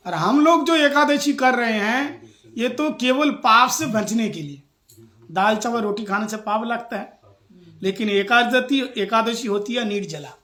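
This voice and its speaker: A man's voice: extremely high pitch, sharp tone. A man giving a sermon, telling funny stories and acting out the characters' lines with laughter. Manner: tells anecdotes, acts out characters' lines with laughter. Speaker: preacher. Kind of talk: humorous sermon storytelling. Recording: echoey hall.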